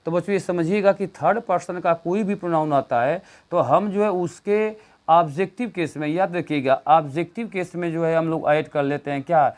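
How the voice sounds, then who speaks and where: A man's voice: fairly high pitch, normal speed, a little mellow. A man teaching an English grammar lesson, constantly asking the class questions and answering them himself, with fillers and repeated key words.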